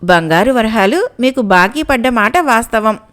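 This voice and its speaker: A woman's voice: fairly high pitch, expressive, normal speed, a bit bright. Woman doing a proud storybook king. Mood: humble. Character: vain male king, loud then humbled.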